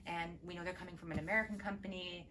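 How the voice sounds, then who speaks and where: A woman's voice: on the low side, fairly even intonation, very fast, bright, forceful tone, slight background noise. A woman co-hosting a knitting podcast, chatting casually and enthusiastically about yarns with playful asides. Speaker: podcast co-host, yarn shop owner. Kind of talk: casual chat.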